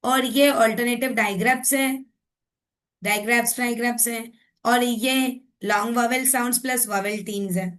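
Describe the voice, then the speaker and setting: A woman's voice: on the high side, steady tone, moderate pace, a bit bright. A woman, training teachers in phonics and patiently explaining, often checking that everyone follows. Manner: mixes Hindi and English. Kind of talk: online phonics training lesson.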